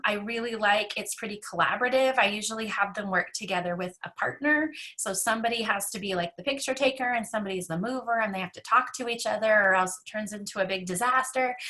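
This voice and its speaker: A woman teacher giving a conference presentation, talking quickly and filling pauses with um. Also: medium pitch, pushed and bright. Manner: rushed, fast-talking, many filler ums.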